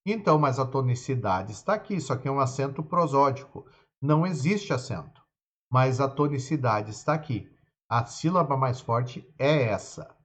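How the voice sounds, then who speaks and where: A man's voice: on the high side, fairly bright tone. A male Portuguese teacher giving a grammar lesson, explaining rules step by step and often checking in with "ok?" and "tá?". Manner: spells out examples slowly, syllable by syllable. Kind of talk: grammar lesson for exam students. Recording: very echoey room, dull lo-fi sound.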